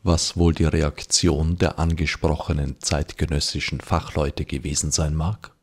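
Male host, very low and husky, reading a scripted introduction with formal care. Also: flat delivery. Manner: formal, measured delivery. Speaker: radio host. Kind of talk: scripted radio presentation.

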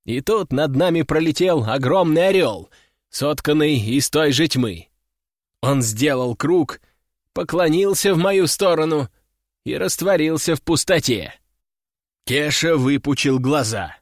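A man narrating a first-person audiobook story in a wry, measured way. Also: on the high side, lively intonation, no echo, clean studio sound. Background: faint music.

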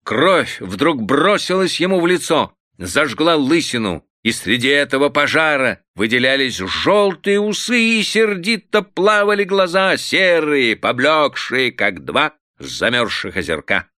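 A man narrating a literary story in an expressive, lively reading. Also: fairly high pitch, a little slow, few pauses, dry recording, studio quality.

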